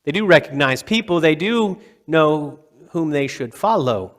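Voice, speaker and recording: A male pastor preaching a sermon in a conversational way, with dramatic pauses, now and then acting out the quotes. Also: on the high side, animated, fairly bright tone. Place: church sanctuary. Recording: long hall reverb.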